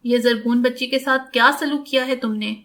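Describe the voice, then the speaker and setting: A woman's voice: a little high, steady tone, fairly bright tone. A woman voicing an elderly grandmother in an audiobook, affectionate but firm, coaxing and commanding.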